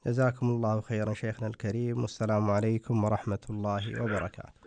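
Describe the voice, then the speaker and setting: A man's voice: fairly low pitch, completely flat delivery, fast talker, creaky, darkish tone, dry recording. A man hosting radio in formal standard Arabic, with courteous religious phrasing. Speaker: radio host. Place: radio studio.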